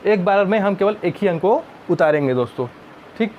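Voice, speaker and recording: A man's voice: sits high, expressive, a little fast, muffled recording, a little hiss or hum. Patient Hindi math teacher, man. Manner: patient, often addressing viewers as friends. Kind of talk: step-by-step classroom explanation.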